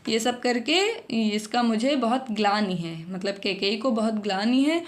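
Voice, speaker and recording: A woman teaching a poetry lesson, with a voice pitched a little higher than most. She reads each verse aloud and then restates it in everyday conversational terms for her students. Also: moderate pace. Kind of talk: explaining a Hindi poem line by line.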